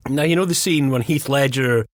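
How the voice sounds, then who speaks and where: A Scottish man co-hosting a podcast in casual comedic chat, animated and steering the topic with questions. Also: medium pitch, a little fast, no echo, studio quality. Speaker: podcast co-host.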